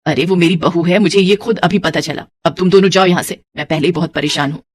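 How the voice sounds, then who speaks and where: A woman's voice: on the low side, steady tone, fast, voice pushed down, close to an everyday voice. A woman voicing a fussy, traditional middle-aged mother-in-law who scolds and laments dramatically. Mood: annoyed.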